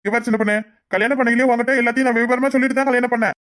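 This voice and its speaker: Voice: medium pitch, fairly even intonation, racing, fairly bright tone, lightly acted. A voice actor playing a coaxing young village husband in a cartoon, with a Kanyakumari Tamil accent. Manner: coaxing, pleading.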